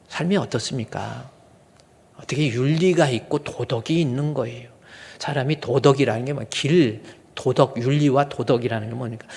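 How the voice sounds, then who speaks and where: A man's voice: mid-range voice, vocal fry. A male pastor preaching a sermon with earnest emphasis, now and then acting out angry fathers in quoted asides. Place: church sanctuary. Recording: long hall reverb.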